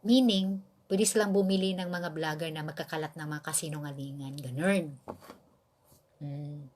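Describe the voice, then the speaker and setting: A woman from the Philippines giving earnest, emphatic commentary on a casual livestream, often pausing to ask rhetorical questions and restarting her sentences. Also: deep voice, fairly even intonation, a little mellow, a little hiss or hum. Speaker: livestream host.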